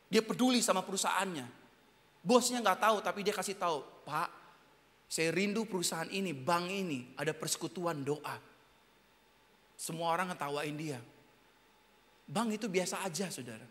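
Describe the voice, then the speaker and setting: A man preaching a sermon with an Indonesian accent, his voice high-pitched and sharp with brightness. He drops low and quiet, then bursts into loud shouts, sprinkling in English phrases. The sound rings with the long reverb of a big hall. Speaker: pastor. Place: hotel auditorium church service.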